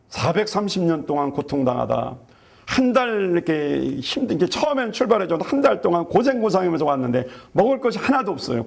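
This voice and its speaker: A middle-aged pastor preaches with a lively voice that swings up and down. His tone is gravelly and a little husky, and he keeps asking rhetorical questions. He sits slightly above the usual male pitch. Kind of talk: sermon.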